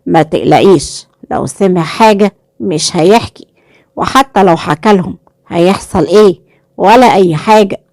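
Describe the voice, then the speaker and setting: A woman voicing a calm, guarded young man who is a chef, with an Egyptian accent and measured speech. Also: sits high, creaky, dry recording, clean studio sound. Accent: Egyptian Arabic. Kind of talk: storytelling role voice.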